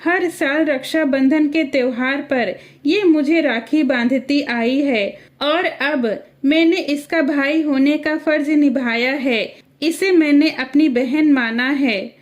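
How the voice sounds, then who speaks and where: A protective male god from a cartoon storybook speaks with firm, commanding calm, as a woman narrator voices him. The voice stays high and unhurried. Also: muffled recording.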